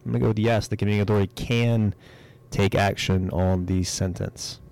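A man with a slightly low voice co-hosts a legal podcast. His talk is casual and easygoing, in the style of a chat between colleagues. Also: steady tone, brisk, vocal fry, a little mellow. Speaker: podcast co-host, military lawyer.

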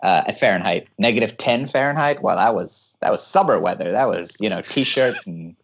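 A man's voice: lowish voice, lively intonation, normal speed, vocal fry. A man from California, a guest engineer giving eager, explanatory interview answers and laughing often as he talks.

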